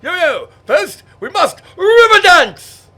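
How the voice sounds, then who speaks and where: A man voicing a pompous, fussy colonial revolutionary in a theatrical, high-pitched comic voice. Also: very animated, takes it slowly, sharp tone, heavily acted. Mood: pleading. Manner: shrill, theatrical.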